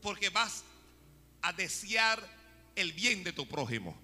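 In a church hall full of long echo and faint background music, a male preacher addresses his congregation head-on with an animated sermon. His voice is high and very bright, and he takes a slow pace.

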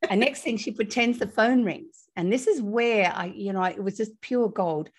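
A woman, a guest expert telling a lively classroom anecdote and acting out the children's lines. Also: mid-range voice, moderate pace, slightly rough. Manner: lively, acts out quoted voices. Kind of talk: casual anecdotal storytelling.

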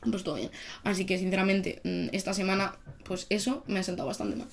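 A young woman from Spain with a Spanish accent talks at a rapid clip in a casual podcast conversation. She tells her stories animatedly, slipping into the voices of the people she quotes. Her pitch sits in an ordinary middle range. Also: gravelly. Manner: animated storytelling, acts out quotes. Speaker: podcast co-host. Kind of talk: casual chat.

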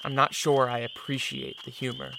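An actor playing a wary, sheltered vampire count in a radio drama, guarded and earnest. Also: male voice, mid-range voice, little pitch movement, moderate pace, creaky, background noise. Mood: wary, subdued.

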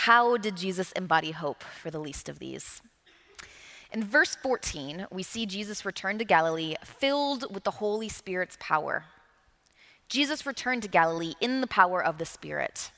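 A woman's voice: medium pitch, expressive, normal speed, vocal fry, bright, forceful tone. A woman preaching a sermon, earnest, repeating key phrases for emphasis. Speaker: pastor. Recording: long reverb of a large hall.

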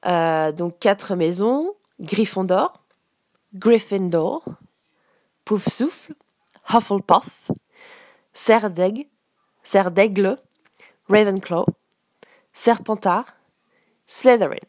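Slow, hesitant woman explaining a lesson. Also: medium pitch, animated, a little mellow, no room sound, clean studio sound. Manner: explains slowly with many hesitations. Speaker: English teacher. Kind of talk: casual spoken lesson.

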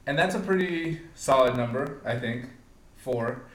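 He hosts a podcast blind taste test in a mid-range, expressive, slightly bright voice at a measured pace. His delivery is playful, announcer-style patter broken up by chuckles, recorded with a roomy echo.

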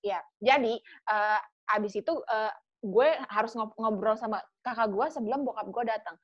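A woman's voice: a little high, normal speed. A woman guest on a podcast, telling a personal story in casual chat and acting out the quoted dialogue. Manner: animated, acts out quoted dialogue. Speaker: podcast guest, cancer activist. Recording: dull lo-fi recording.

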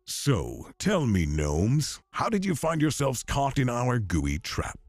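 A man voicing a gruff, greedy king who speaks slowly and commandingly, with a breathy voice. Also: mid-range voice, huge pitch swings, no room sound, heavily acted. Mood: menacing. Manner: slow, drawn-out and commanding.

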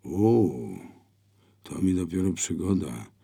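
Wry blind brother, teasing and slow, as a gravelly narrator reads him. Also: male voice, sits low, expressive, warm tone, exaggerated voice.

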